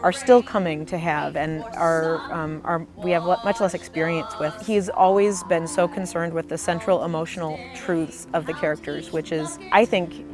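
Young woman writer explaining stuff earnestly, lowish voice, music behind. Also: normal speed, few pauses. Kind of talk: documentary interview. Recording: music playing underneath.

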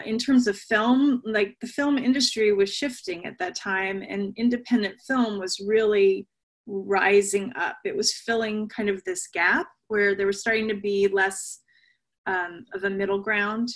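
A middle-aged woman, an author and guest, answering interview questions thoughtfully over a video call from a home room, pausing with fillers and restarting her sentences. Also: mid-range voice. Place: home room with bookshelves and shuttered windows. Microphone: laptop webcam on a video call.

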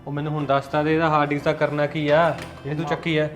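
A man playing a wary friend in a family web drama, firing off flat, rapid questions. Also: on the high side, lightly acted. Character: wary young friend dragged along. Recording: echoey room with music.

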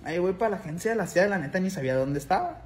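A man's voice: sits high, animated, rapid-fire, a little mellow. Slangy Mexican man telling a story. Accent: Mexican Spanish. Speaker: ride-hailing driver. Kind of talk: comic anecdote.

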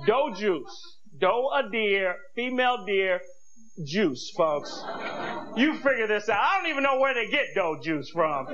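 An American man in his thirties does stand-up comedy on a club stage, holding a microphone and acting out bits in an animated, exclaiming way. His voice is high and his delivery unhurried. The muffled VHS TV recording is full of audience noise and laughter.

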